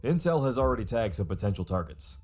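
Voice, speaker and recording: A man voicing a brisk male naval officer in a game, with a clipped military delivery. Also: lowish voice, big pitch swings, darkish tone. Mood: tactical. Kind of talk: scripted game briefing.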